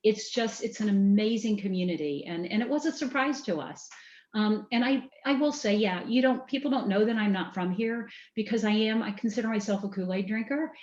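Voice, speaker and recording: A woman's voice: mid-range voice, fairly quick, darkish tone. A woman with a mild Southern American accent, a company president chatting as a guest in an interview, talking in a loose, self-correcting way with fillers. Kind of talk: casual interview chat. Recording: dull, roomy podcast recording.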